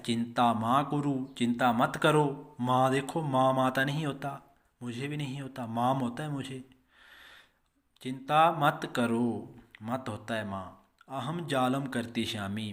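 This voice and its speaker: A male school teacher giving a recorded lesson, reading each line of a text and then explaining it slowly and patiently, with many repetitions. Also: medium pitch, a bit bright. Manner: slow, patient, repeats each line in translation.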